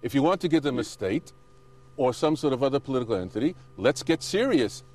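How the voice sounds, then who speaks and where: A man's voice: mid-range voice, very animated, fairly quick. A man answering as an interview guest, arguing back insistently with some hesitant self-corrections. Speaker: interview guest, Israeli settler.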